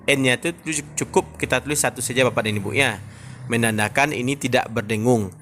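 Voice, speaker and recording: A man's voice: mid-range voice, sharp tone, slight background noise. Patient male Quran reading teacher. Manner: patient, repeats "Bapak dan Ibu, ya" often; drawls out example words slowly.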